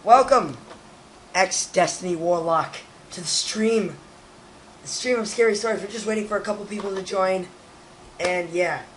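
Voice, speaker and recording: A teenage boy with a raspy voice, hoarse from a cold, co-hosting a live stream in casual chat and rambling with lots of fillers. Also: high-pitched, moderate pace, a little hiss or hum, poor audio. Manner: rambling, full of fillers and restarts.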